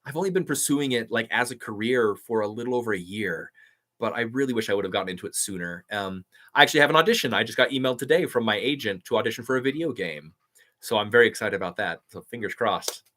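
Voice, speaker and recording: A YouTuber and voice actor chats upbeat on a live stream, reading out viewers' comments. His lowish voice is animated and a bit bright, and he's chatty and quick to laugh.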